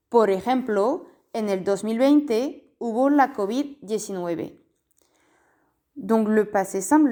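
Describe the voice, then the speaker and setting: Slow, careful woman teaching a lesson. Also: mid-range voice, warm tone. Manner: slow, careful, spells out endings and repeats key forms. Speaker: Spanish teacher. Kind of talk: language lesson explained in French.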